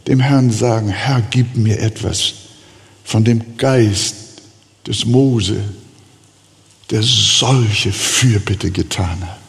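A man preaching a sermon as pastor, earnest and pleading, with slow emphatic pauses, recorded in a church hall. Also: fairly low pitch, vocal fry.

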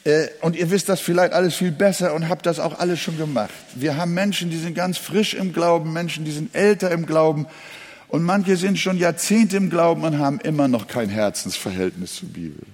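A man's voice: fairly high pitch, fairly quick. A male pastor preaching a sermon, leaning hard on single words and repeating key phrases. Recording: long hall reverb.

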